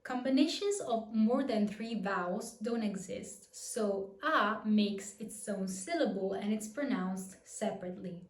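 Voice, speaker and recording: A woman teaching a pronunciation lesson, patient and clear, demonstrating each word slowly and repeating it. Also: mid-range voice, animated, echoey room. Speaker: language teacher.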